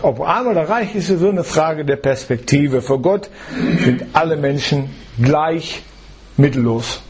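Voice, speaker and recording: Male preacher, husky and slightly high, in a church, teaching through rhetorical questions. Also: measured pace, darkish tone. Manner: explains with rhetorical questions and tag "ja?". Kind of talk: sermon with Bible reading.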